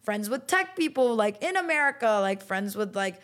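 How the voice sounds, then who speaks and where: A woman's voice: on the high side, sing-song, normal speed, a bit bright. Chatty young woman telling stories. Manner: chatty, storytelling, many "like" fillers. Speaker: guest, fashion model. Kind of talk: casual interview chat.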